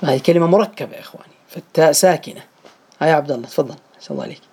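A man's voice: fairly high pitch, wildly swooping pitch, very fast, darkish tone, breathy edge. A man teaching a small class, patient and often checking that his students follow.

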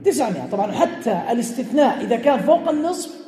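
A man's voice: very high-pitched, sing-song, racing, mellow. A man teaching a classroom lesson in Islamic jurisprudence, explaining through examples, quizzing his students and chuckling often. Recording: echoey hall with long reverb.

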